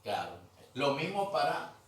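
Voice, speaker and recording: A man's voice: fairly high pitch, big pitch swings, a little slow. A man teaching a grammar class in a museum room, patiently repeating terms and checking that students follow. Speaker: language teacher. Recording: echoey room, mic far off, faint noise.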